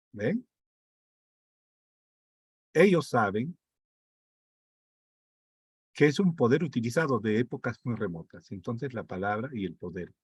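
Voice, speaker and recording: Husky teacher with a sore throat. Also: male voice, medium pitch, no echo. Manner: reads text aloud, then breaks it down with rhetorical checks. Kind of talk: online reading comprehension class.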